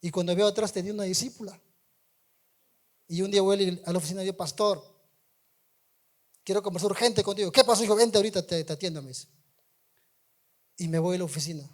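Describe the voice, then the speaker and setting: A middle-aged man giving a sermon testimony, moving from quiet storytelling to loud, emphatic calls to the congregation. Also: high voice.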